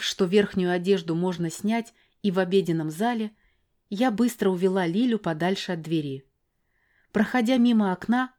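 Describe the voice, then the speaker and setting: Woman narrator, lower voice, calm first-person audiobook reading.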